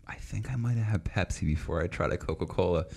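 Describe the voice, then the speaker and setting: A man telling childhood stories in a casual chat, lively and laughing often, acting out quoted voices. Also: low voice, fast, gravelly, husky.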